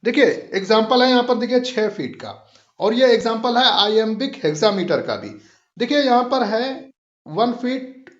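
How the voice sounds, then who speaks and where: Teacher, male, high voice, unhurried, patient explainer; echoey lo-fi room recording. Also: lively intonation. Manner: patient, repeats points and checks understanding. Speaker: English literature teacher. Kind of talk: explanatory lesson mixing Hindi and English. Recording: echoey room, dull lo-fi sound.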